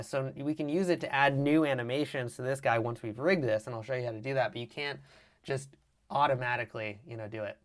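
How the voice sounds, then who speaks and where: A man presenting a live 3D animation tutorial, with a slight vocal fry and frequent throat clearing, narrating each click and step as he works. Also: medium pitch. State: keeps clearing his throat. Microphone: mic with problems on a livestream.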